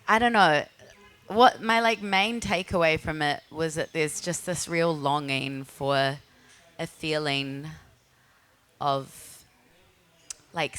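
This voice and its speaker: A woman's voice: low voice, fairly bright tone, clear, resonant tone. A woman from New Zealand with a broad Kiwi accent, talking informally and reflectively as a panel guest, tentative and searching for words.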